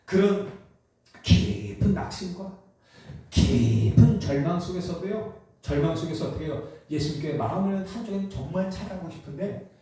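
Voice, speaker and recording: A man preaching a Sunday sermon as pastor, telling the story with animated rhetorical questions. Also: sits high, normal speed, soft background music. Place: church sanctuary. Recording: very echoey church hall from a distant mic.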